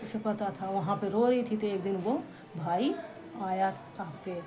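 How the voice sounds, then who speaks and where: A woman casually telling a devotional folk tale to listeners around her, in a chatty, halting way with restarts and asides. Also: medium pitch, mellow, soft background music. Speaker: storyteller. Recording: home recording with clear background noise.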